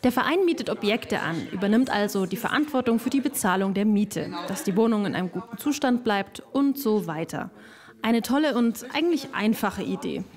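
A woman giving a measured, scripted voice-over narration. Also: medium pitch, animated, a little mellow.

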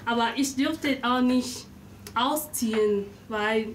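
A woman from the Democratic Republic of the Congo talks in a slightly high voice, in careful, halting German that is not her first language. Dishes and cutlery clatter clearly in the kitchen around her. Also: slight background noise. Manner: halting non-native German, laughs often. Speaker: flatmate interviewed. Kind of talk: casual conversation. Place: shared flat kitchen.

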